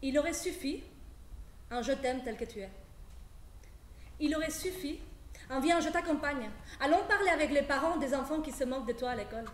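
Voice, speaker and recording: A woman giving a measured, poetic theatrical monologue on stage. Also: sits high, animated, reverberant, a little hiss or hum. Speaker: stage performer.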